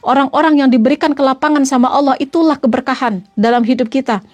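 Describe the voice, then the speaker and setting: A woman's voice: sits high, steady tone, quick pace, a little mellow. A woman preacher giving an earnest religious talk to her followers online. She repeats points and often calls her listeners friends. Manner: stops briefly to answer greetings from comments. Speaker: female Islamic preacher (ustazah).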